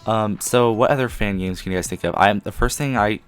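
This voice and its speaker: A man's voice: fairly low pitch, fairly quick, clear, resonant tone, faint music behind. A young man hosting a casual podcast chat, rambling with lots of ums. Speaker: podcast host. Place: friend's house at night. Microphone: one mic shared with a co-host.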